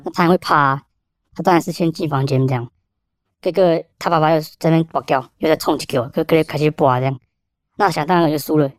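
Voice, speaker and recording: A man with a Taiwanese Mandarin accent, a police officer telling stories in a rapid, animated way, mixing in Hokkien phrases. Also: a little high, no echo, clean studio sound. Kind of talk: casual storytelling.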